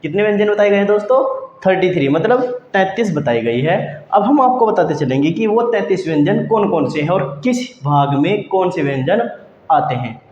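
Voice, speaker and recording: A man teaching Hindi grammar for exam preparation, his voice sitting slightly high as he explains each point patiently. He asks questions and answers them himself, repeating key points over and over. The recording is roomy with a long reverb tail, dull in tone, with faint background hiss. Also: lively intonation, normal speed, darkish tone. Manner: repetitive, explanatory, keeps checking in with "ठीक है दोस्तों". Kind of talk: exam-prep grammar lesson.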